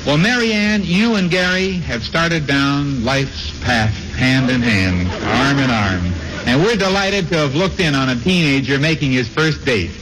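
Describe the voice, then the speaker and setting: A jovial, teasing middle-aged man hosting a radio game show, giving quick stage directions, heard from an old broadcast transcription disc. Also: medium pitch, expressive. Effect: played from an old broadcast transcription disc. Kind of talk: playful radio show banter before a live audience. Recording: loud surface noise of an old transcription disc.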